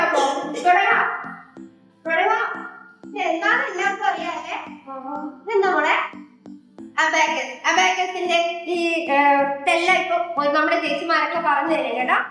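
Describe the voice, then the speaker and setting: A woman teacher leads a group of children in an abacus class, coaxing answers in a sing-song voice. Her voice sits very high and sounds bright and forceful. The classroom rings with heavy echo, and faint music plays behind her. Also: normal speed, long pauses. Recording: very echoey room with faint music.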